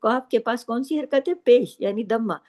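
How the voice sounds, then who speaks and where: A woman teaching the rules of Quran recitation. She explains each rule patiently and recites the words slowly, drawing out the sounds. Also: a little high, darkish tone. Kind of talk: tajweed lesson, explaining and reciting.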